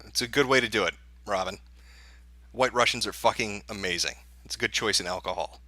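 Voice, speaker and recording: A man's voice: lowish voice, a little fast, bright, forceful tone, no room sound. Sarcastic, foul-mouthed male stream host. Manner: profane, sarcastic. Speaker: livestream host. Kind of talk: casual live commentary.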